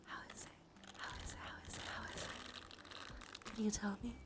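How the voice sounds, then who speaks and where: On an ASMR live stream, a woman whispers breathily into a sensitive close mic, gently repeating phrases slowly for her chat. Her mid-range voice stays level in tone. Behind her are soft music and crinkling and brushing sounds.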